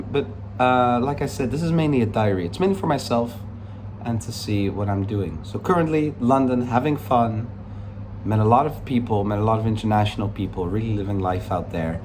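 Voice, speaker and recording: In a casual vlog recorded in a London room, a twenty-something vlogger from the Netherlands rambles along, cocky and cheerful, with a mixed American-international accent. He speaks at normal speed at a medium pitch, over background noise.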